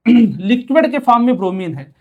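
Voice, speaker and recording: A man's voice: very high voice, very animated, normal speed, narrow, tinny audio. A male chemistry teacher giving an exam-prep lecture who asks questions aloud, answers them himself, repeats key terms and keeps urging students to pay attention. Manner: repeats key terms several times over.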